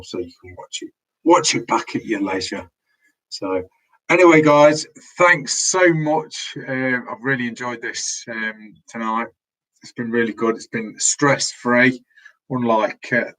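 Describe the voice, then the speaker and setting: Streaming casually from his bedroom through a laptop mic, a man with a fairly low, slightly bright voice is losing his voice. He chats and rambles, frequently starting sentences over, and the recording quality is low.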